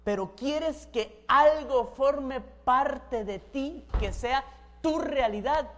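Woman giving a sermon, kinda high voice, asks the crowd stuff, does little brrr car noises. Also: very slow, slight background noise. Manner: animated, acts out everyday scenes with sound effects; asks the audience questions. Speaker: preacher.

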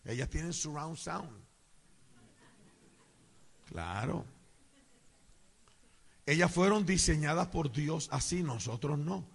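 A man preaching as a pastor, emphatic, swinging between loud bursts and low asides, calling on the congregation to answer. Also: moderate pace, creaky, few pauses, breathy edge. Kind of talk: preaching sermon with call and response. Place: church hall. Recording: long church hall reverb.

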